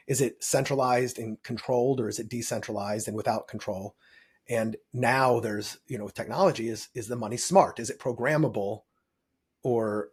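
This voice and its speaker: Podcast guest, male, husky mid-range voice; animated explainer who stresses key words and tags points with "right?". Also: mid-range voice. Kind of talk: explanatory interview talk. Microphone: video podcast mic.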